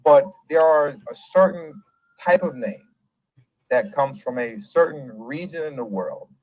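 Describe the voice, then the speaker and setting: A man with a fairly high voice hosts a political news show, reading an article aloud at an unhurried pace. He often stops to add his own remarks, animatedly interrupting himself with asides and laughter. The recording sounds dry and muffled.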